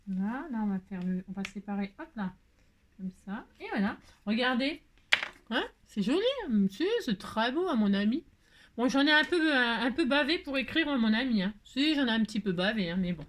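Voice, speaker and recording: A woman hosting a casual card-making tutorial, chatty and self-mocking, with frequent fillers and laughs. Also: on the high side. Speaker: craft video host. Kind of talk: casual crafting tutorial chat.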